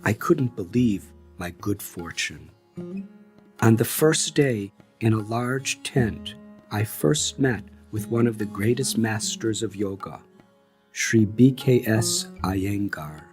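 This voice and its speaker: A man narrating a memoir audiobook in a measured, reflective way. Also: lowish voice, animated, darkish tone. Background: faint guitar music.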